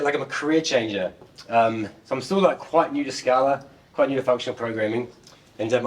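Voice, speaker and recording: A middle-aged man with a New Zealand accent gives an informal tech talk in a joking, self-deprecating way, often repeating words. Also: medium pitch. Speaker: software developer giving a talk. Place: indoor meeting room, standing at a laptop beside a screen. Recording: distant room microphone.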